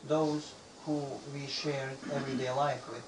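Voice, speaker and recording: A man from Bosnia, with a flat, mid-range voice at a measured pace, asks a speaker halting questions from the audience, full of restarts and repeated words. The recording is echoey and distant, with clear background noise.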